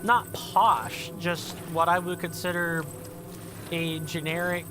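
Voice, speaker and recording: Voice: medium pitch, steady tone, slow, noisy background. A streamer in their thirties from the United States, chatting casually while playing a game and rambling, correcting themselves and musing aloud. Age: 30s. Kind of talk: casual let's-play chat.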